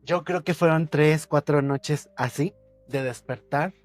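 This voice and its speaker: A man's voice: unhurried, faint music behind. Man telling a spooky story. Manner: suspenseful storytelling, repeats words for effect, drops his voice low. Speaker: podcast guest. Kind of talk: telling a personal ghost story.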